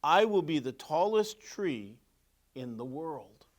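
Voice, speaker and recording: Man reading as a devout, slow-spoken girl tree. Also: fairly high pitch, very animated. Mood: resolute, reverent. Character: devout, steadfast young female tree with lofty dreams.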